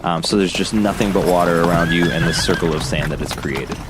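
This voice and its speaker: A man acting as game master, improvising scene descriptions for a tabletop game in a halting way. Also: low voice. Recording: clear background noise.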